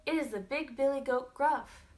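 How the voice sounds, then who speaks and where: A woman voicing the biggest male billy goat, whose voice is loud and mean as he threatens a troll in a children's storybook reading. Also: high voice, normal speed, pitched above the performer's own voice, natural voice. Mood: menacing.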